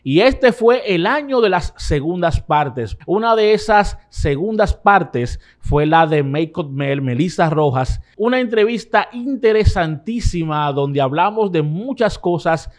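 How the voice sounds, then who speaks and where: A male interview host recounting past conversations in a relaxed, reflective recap. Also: high-pitched, measured pace, few pauses.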